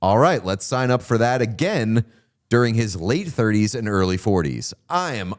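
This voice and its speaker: This man co-hosts a hockey podcast, and his voice sits on the low side at a normal speed. He chats about sports casually and with plenty of opinion, staying animated and dropping "like" again and again.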